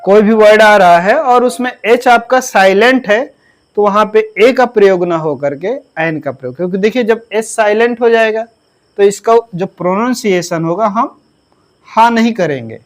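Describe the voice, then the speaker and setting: A man's voice: high-pitched, normal speed. A male English grammar teacher giving a lesson. He asks the class questions, answers them himself, and spells words out letter by letter.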